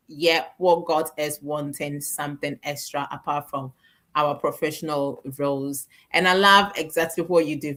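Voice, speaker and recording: Lady from ghana hosting a live stream on a video call, low voice, chatty and rambling. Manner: warm, emotional, rambling with laughs. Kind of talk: casual live-stream chat.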